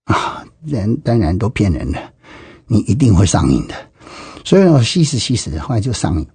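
A middle-aged man with a Taiwanese Mandarin accent recounts his life in an emphatic testimony, full of exclamations and repeated phrases. His voice is dark and husky, and it sounds dry and close with little room sound. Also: on the low side, very animated, normal speed, dry recording. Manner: emphatic, with frequent exclamations and repetitions. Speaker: interviewee giving personal testimony. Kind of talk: personal testimony storytelling.

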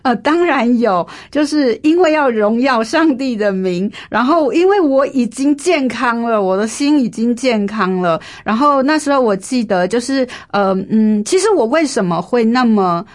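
A woman's voice: a little high, expressive, normal speed, hardly any pauses. A woman in her fifties earnestly sharing a personal faith testimony in an interview, repeating herself and using many fillers. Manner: earnest, emotional storytelling with frequent fillers and repetition.

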